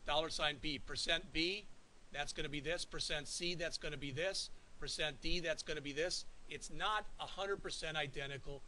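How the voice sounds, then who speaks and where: A man's voice: on the high side, moderate pace, bright, forceful tone, rough recording. A man teaching a college programming class, talking conversationally and checking in often with the students. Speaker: college instructor. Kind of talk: classroom lecture. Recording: faint hiss.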